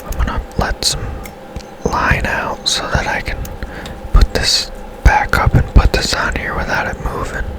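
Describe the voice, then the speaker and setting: In this clip, a gaming ASMR host plays and talks in a soft whisper. His pace is relaxed, and he muses out loud throughout.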